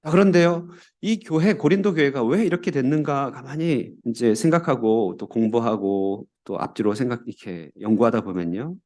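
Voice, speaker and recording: A man's voice: on the high side, darkish tone. A Korean man, a pastor, delivering a sermon in church with earnest, rising emphasis on key words. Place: church sanctuary.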